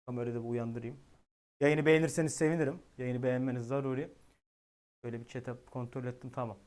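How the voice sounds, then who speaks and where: A man giving live-stream weather commentary, excitable and exasperated, talking directly to his chat. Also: mid-range voice, fast talker.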